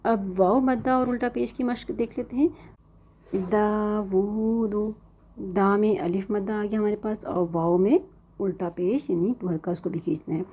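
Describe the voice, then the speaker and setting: A woman teaching Quran recitation in a patient, step-by-step way, often checking in with her students and drawing out model syllables slowly. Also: medium pitch, mellow. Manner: patient, repeats "ٹھیک ہے نا" often, slow drawn-out model syllables. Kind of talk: recorded tajweed lesson.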